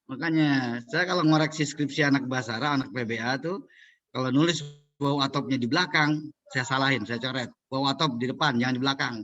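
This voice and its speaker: Man, lecturer, chatty explanations, chanted recitations, mid pitch, dull lo-fi sound. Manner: explains slowly, chanting Arabic recitations, chatty asides with quiet laughs. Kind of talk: university lecture.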